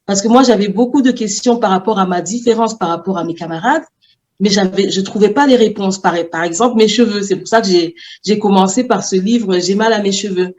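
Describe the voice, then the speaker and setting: Halting woman author in an interview. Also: medium pitch, darkish tone. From France. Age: adult, a mother. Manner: thoughtful, halting, with many fillers and restarts. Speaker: children's book author. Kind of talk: interview answers.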